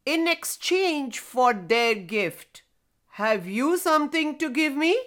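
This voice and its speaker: A woman's voice: sits high, big pitch swings, takes it slowly, a bit bright, voice pushed up, heavily acted. A woman doing an ancient talking stone spirit. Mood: solemn. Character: ancient wise male stone spirit storyteller.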